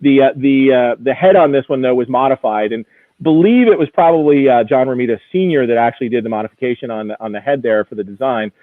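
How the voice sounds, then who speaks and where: An auction house executive appears as a guest expert on a live show, previewing collectible items in a conversational, enthusiastic way. His medium-pitched voice moves fast. The sound is dry, with a narrow, phone-like radio quality.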